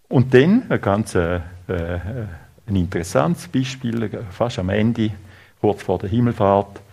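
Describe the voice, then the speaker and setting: A man with a Swiss German accent preaching a sermon, halting, with many fillers and restarts. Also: fairly low pitch, darkish tone.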